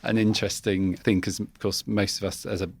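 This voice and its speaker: A man hosting a podcast interview, measured and encouraging, often affirming his guest. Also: fairly low pitch, little pitch movement, gravelly, slightly rough. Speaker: podcast host. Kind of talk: interview conversation.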